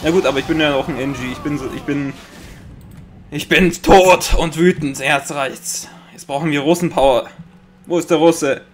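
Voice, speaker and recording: A young man with a Bavarian accent giving excitable Let's Play commentary, swearing often and making sound-effect noises. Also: on the high side, normal speed. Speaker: gaming commentator.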